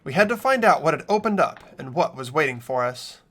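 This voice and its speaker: His fairly high voice has lively intonation, a fairly bright tone and a slightly fast pace. The young man hosts a game playthrough, leading the narration reading and chatting casually as he goes.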